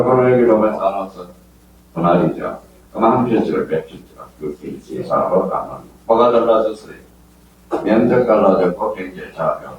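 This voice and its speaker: An older exam-prep lecturer with a Gyeongsang accent fires rhetorical questions at a room of students, his pitch rising and falling freely. He is heard from across a strongly echoing lecture hall with a faint hum behind him. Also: recorded from a distance. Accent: Gyeongsang Korean. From Gyeongsang region, Korea. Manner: lively, quizzing students with constant rhetorical questions. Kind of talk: classroom lecture.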